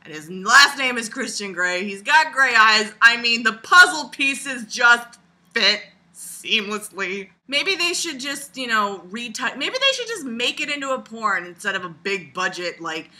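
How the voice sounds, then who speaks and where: This video blogger's commentary is casual and rambling, full of sarcasm, crude humor, and swearing, delivered with animation. Her pitch sits on the high side, and she keeps a measured pace.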